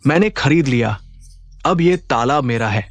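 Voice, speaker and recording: A gloating village bully. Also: male voice, medium pitch, lively intonation, moderate pace, dry recording. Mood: mocking. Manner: taunting, boastful. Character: swaggering bully of a rich village man. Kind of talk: dubbed drama.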